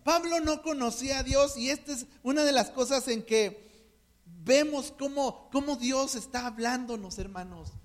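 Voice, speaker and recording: Mexican male preacher, very high pitch, earnest sermon delivery with restarts. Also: normal speed. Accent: Mexican Spanish. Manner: earnest, repeats words while searching for them.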